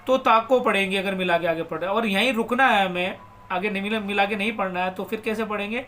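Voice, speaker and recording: A man teaching Quran recitation. He recites slowly and draws out words, then explains quickly and spells out letters and vowel marks. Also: high voice, sharp tone, a little hiss or hum. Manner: slow drawn-out recitation alternating with quick explanations. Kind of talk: step-by-step recitation lesson.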